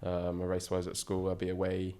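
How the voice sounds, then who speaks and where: A very low-pitched man talks eagerly as an interview guest. He rambles a little, backs up and restarts his thoughts, and keeps an easygoing, conversational tone. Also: completely flat delivery, fast, warm tone. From England. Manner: enthusiastic, rambling with frequent restarts. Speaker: podcast guest, ocean sailor. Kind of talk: casual interview chat.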